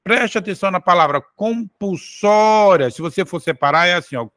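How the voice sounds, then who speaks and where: Bright-voiced teacher, dry sound. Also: male voice, sits high, fast talker, no room sound. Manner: explains step by step, stretches out words to sound syllables. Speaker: Portuguese language teacher. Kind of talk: exam-prep lesson.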